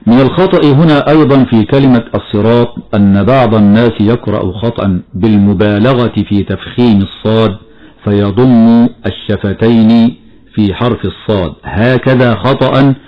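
A man teaching the rules of Quran recitation, explaining steadily and chanting slow example verses. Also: lowish voice, highs cut off. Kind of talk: tajweed lesson with recited examples.

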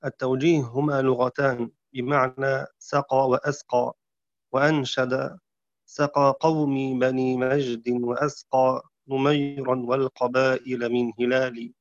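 A man teaching Quran recitation variants in a measured lecture, citing verses and clearing his throat now and then. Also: medium pitch, level tone, no room sound, highs cut off. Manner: measured explanatory delivery with chanted verse quotes.

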